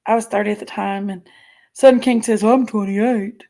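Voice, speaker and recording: A woman in her 40s hosts a livestream, reading viewer comments and chatting frankly with giggles along the way. Her mid-range voice is mellow, fairly even in intonation, and moderately paced.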